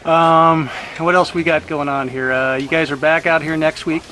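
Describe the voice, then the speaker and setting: Halting male interviewer, fairly high voice. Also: fairly even intonation, bright, forceful tone, a little hiss or hum. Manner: halting, filler-heavy questioning. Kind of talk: casual interview questions.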